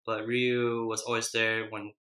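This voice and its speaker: Bright-voiced man chatting while eating, echoey room. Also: fairly low pitch, monotone, measured pace. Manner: chewing and eating while talking. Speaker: mukbang host. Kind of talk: casual chat while eating. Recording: roomy, echoey indoor sound.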